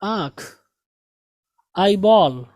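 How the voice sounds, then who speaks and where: Slow, patient woman teaching English words. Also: medium pitch, lively intonation, darkish tone, no room sound, studio quality. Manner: patient, repeats each word and meaning. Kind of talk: slow vocabulary drill lesson.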